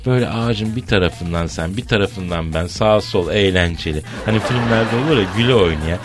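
A man's voice: lowish voice, fairly quick, over music. A man hosting a morning radio show, chatting casually and telling long comic anecdotes. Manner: jokey storyteller, spins long anecdotes.

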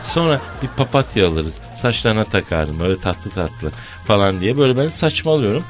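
A man's voice: lowish voice, expressive, brisk, music in the background. A man hosting a morning radio show, chatting casually and telling long comic anecdotes. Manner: jokey storyteller, spins long anecdotes.

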